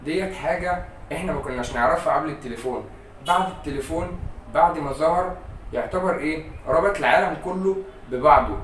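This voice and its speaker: A man's voice: a little high, a bit bright, roomy sound, distant mic, slight background noise, poor audio. A man with an Egyptian Arabic accent hosting a casual explainer video, chatting conversationally and asking questions that he answers himself. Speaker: YouTube host.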